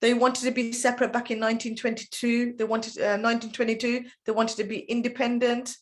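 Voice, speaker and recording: A woman presents a training session in a chatty, explanatory way. Her voice sits a little high, and she often stops to check that the group is following. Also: level tone, a little fast. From United Kingdom. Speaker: intercultural trainer.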